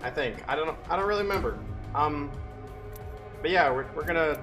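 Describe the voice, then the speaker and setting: A man's voice: fairly high pitch, brisk, music in the background. A man hosting his gaming channel, chatting casually and rambling as he introduces a match. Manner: rambling, self-correcting. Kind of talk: casual gameplay commentary.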